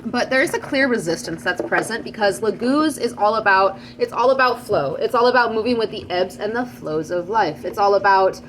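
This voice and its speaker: Woman chatting thru a tarot reading on camera, middle-pitched voice, lots of fillers, faint hiss behind. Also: fairly quick, few pauses. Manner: chatty, many fillers, frequent "okay?" check-ins. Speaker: tarot reader.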